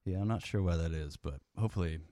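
A man's voice: low voice, fast, mellow, slight background noise. A man co-hosting a casual podcast, sounding hollow and tinny, as if talking through a tube. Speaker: podcast co-host.

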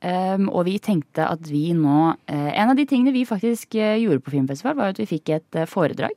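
A young woman hosting a casual radio chat, quick and lively in her reactions. Her voice sits very low for a woman. The studio sound is dry and close. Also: dry recording. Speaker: radio host.

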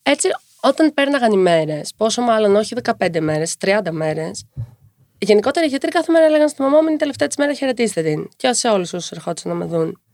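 A woman in her twenties, a podcast guest who talks quickly and tells her story with wry humor. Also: medium pitch, dry recording, clean studio sound. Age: 20s. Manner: fast-talking, lively storytelling with wry humor. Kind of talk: casual conversational interview.

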